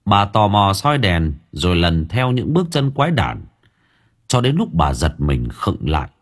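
A man narrating a spooky village story dramatically, dropping to hushed lines and rising again. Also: very animated, a little slow. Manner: dramatic, swinging between hushed low lines and raised ones. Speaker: audiobook narrator.

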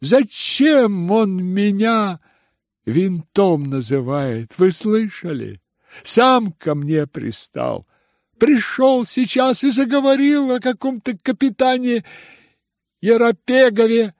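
A defiant, ailing youth keeps up a mocking, needling tone in a novel reading, voiced by a man. He drags out his words, his pitch climbing high and sarcastic. The sound is dry and close. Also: animated, slow pace, no room sound, exaggerated voice.

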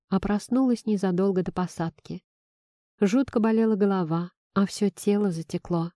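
A woman narrating a first-person novel, measured and expressive. Her voice is mellow and warm at a middle pitch. The recording is dry and close. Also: dry recording. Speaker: audiobook narrator.

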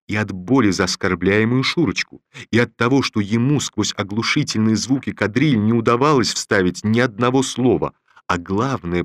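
A man narrating a classic novel in a steady, measured storytelling manner. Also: fairly low pitch, dry recording, clean studio sound. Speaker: audiobook reader. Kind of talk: scripted literary narration.

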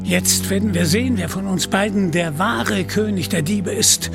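A man's voice: high voice, moderate pace, gravelly, music in the background. A man voicing a brutal scheming male outlaw who snarls and mocks, in an audio drama reading. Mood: menacing. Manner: snarling, mocking.

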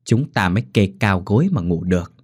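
A man voicing a scheming, sharp-tongued middle-aged wife who eggs her husband on, in a Vietnamese ghost story. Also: sits low, lively intonation, brisk.

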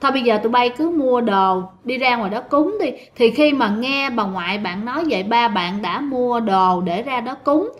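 A woman hosting a ghost story show, telling tales in a chatty way and speaking straight to her listeners. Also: fairly high pitch. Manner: chatty, addresses listeners directly. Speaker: ghost story podcast host. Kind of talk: casual storytelling.

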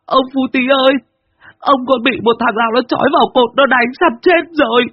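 A frightened village boy in a horror audio story, stammering high and breathless pleas for help, as a male narrator puts him on. The sound is dry and somewhat dull. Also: a little fast, no echo. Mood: panicked.

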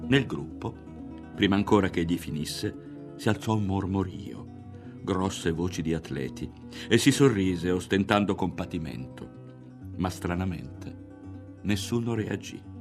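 Male novel reader, low voice, dramatic delivery, faint music underneath. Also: measured pace. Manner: dramatic, expressive narration. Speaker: audiobook reader. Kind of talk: literary reading with voiced characters.

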